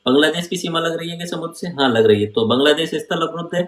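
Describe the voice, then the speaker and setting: A man's voice: a little high, very fast, echoey room, low-quality recording. A man teaching geography over a map, asking his students questions and answering them himself. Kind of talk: map-based lecture.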